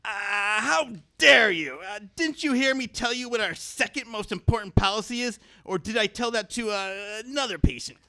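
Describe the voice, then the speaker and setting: For a comic radio play, this is a shameless, muddled old quack dentist with a high, bright voice that crackles with age. Animated and exaggerated, he talks at normal speed with few pauses, hemming, muttering and absent-mindedly repeating himself. He sounds both indignant and gleeful.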